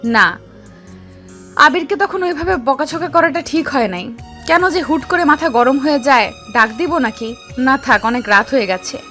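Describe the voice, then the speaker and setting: Woman doing a bossy young wife in an audio romance, high bright voice, scolds a lot but can soften. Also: lively intonation, moderate pace, soft background music. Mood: regretful musing. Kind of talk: acted audio love story.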